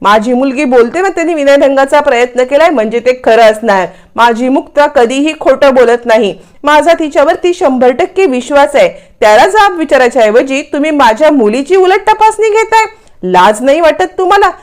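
A woman's voice: sits high, moderate pace, few pauses, close to an everyday voice. Protective mother, read by a woman narrator. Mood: indignant. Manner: indignant, protective. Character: worried middle-aged mother, fiercely defending daughter.

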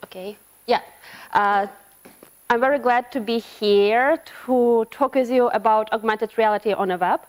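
A woman's voice: on the high side, a little slow. A woman from Ukraine, giving a conference talk as a web developer, often restarting her words. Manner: hesitant, frequent restarts and broken-off words. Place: conference hall.

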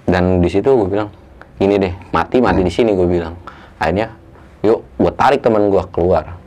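This storyteller guest is a young man with a deep voice who talks fairly quickly. He tells his tale casually, full of coarse slang, and gets loud and raised whenever he acts out what someone said.

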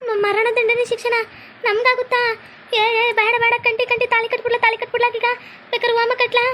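A woman voicing a panicky old village mother, wailing and pleading in a high voice. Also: level tone, rapid-fire, slight background noise. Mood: panicked pleading.

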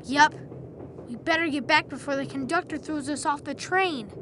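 Lightly acted and high-pitched, this video game performance portrays a courageous, sincere boy with a determined, confident air. It moves at a moderate pace, and a train can be heard in the background.

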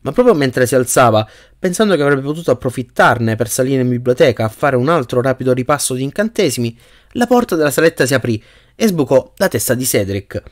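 A man narrating an audiobook in a steady reading voice, with the occasional slip that he corrects himself. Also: mid-range voice, a little fast. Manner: reads steadily with small slips and self-corrections. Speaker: audiobook reader.

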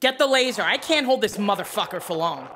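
A woman's voice: mid-range voice, animated, brisk, noisy background, close to an everyday voice. An actress playing a fierce, foul-mouthed female starship captain in an audio drama, brash and commanding.

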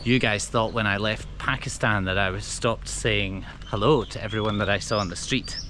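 Walking outdoors along a busy street, a male travel vlogger gives cheerful, talkative narration and says hello to people he passes. He speaks at a moderate pace in a fairly low voice, with traffic audible in the background.

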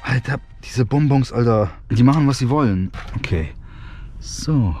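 A young man vlogging casually from inside a car, excitable and slangy, given to exclamations. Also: measured pace, faint music behind. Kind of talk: casual challenge vlog, youth slang. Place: inside a small car, often driving. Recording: noisy car interior, road rumble.

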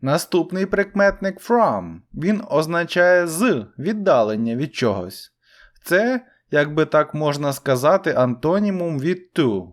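A man's voice: a little high, sing-song, measured pace. A young man teaching an English lesson. He repeats each English phrase and then translates it.

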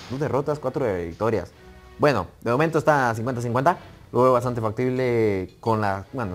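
A man with a Spain Spanish accent giving excitable live commentary on a game he is playing. He swears casually and talks straight to the game. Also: mid-range voice. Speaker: gaming YouTuber.

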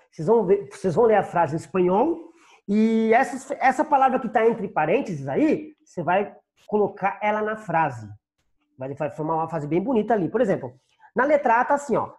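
A man's voice: high voice, a little mellow. A Brazilian Portuguese-accented man teaches a class over a video call, his voice rising and falling a lot as he explains. He goes patiently, repeating and translating every phrase, and the sound comes through a plain computer mic. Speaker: Spanish teacher.

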